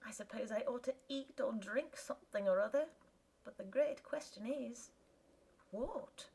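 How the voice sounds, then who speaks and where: A woman's voice: on the high side, unhurried, vocal fry, warm tone, breathy edge, full character voice. A woman voicing a young girl thinking aloud to herself in a storybook reading. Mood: musing.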